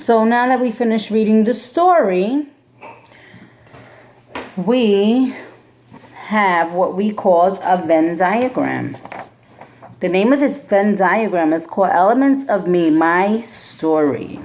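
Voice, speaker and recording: A woman teacher reading a picture book aloud to a class in a slow, expressive storybook manner, then giving classroom instructions. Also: mid-range voice, slight background noise.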